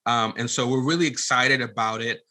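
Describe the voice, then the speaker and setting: A podcast guest who runs a business and produces audio dramas, this man talks casually about his work, frequently restarting his phrases. His voice sits at a medium pitch, moving fairly quickly with a pushed, bright quality.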